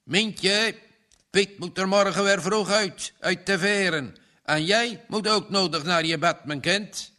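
A man's voice: high-pitched, unhurried, pushed and bright, voice pushed up. A man voicing a jovial older farmer who talks in a hearty, fatherly way.

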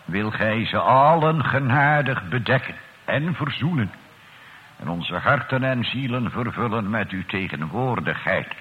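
A man leading a slow, solemn church prayer and sermon as pastor, addressing God in archaic, formal words. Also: mid-range voice, animated. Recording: old radio broadcast, tinny, echoey church.

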